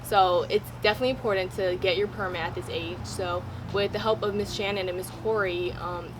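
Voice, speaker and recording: A woman's voice: mid-range voice, fairly even intonation, fairly quick, background noise. A fifteen-year-old girl from Thailand, speaking casually in an interview with many "like" and "um" fillers. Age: teens. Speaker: program participant.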